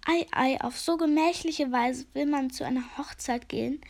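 A woman's voice: high-pitched, normal speed, creaky, a little mellow, voice pushed up. A woman voicing a haughty, lazy male lizard who serves as a court official, speaking nasally and condescendingly in a storybook. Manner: condescending, drowsy.

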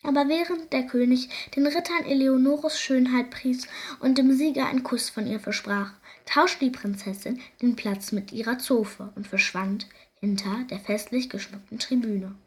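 Expressive woman reading a children's story. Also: high voice, moderate pace.

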